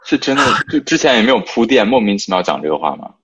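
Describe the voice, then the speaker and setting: A man's voice: on the low side, sing-song, fast, husky, lo-fi sound. A man co-hosting a podcast, reacting with teasing remarks in casual chat. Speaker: podcast co-host.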